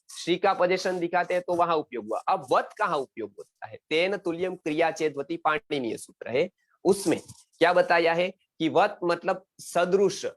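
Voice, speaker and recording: A middle-aged man from India teaching an online Sanskrit lesson, repeating words and checking that his students follow. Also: high voice. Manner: quizzing students, repeats words, frequent "samajh gaye?". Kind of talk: explanatory online class lecture.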